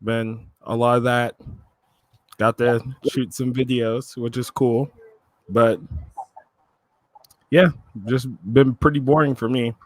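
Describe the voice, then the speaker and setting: Man, guest on a call, slow unhurried speech, dry close sound. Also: mid-range voice, level tone, dry recording, poor audio. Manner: laid-back, short plain sentences. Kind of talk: casual video call chat.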